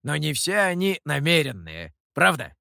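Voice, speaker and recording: A man's voice: fairly high pitch, big pitch swings, moderate pace, creaky, bright, forceful tone, no echo, studio quality, exaggerated voice. Guy doing a cheeky monkey demon in an audiobook, mocking and teasing, bouncy voice. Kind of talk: audiobook character voice.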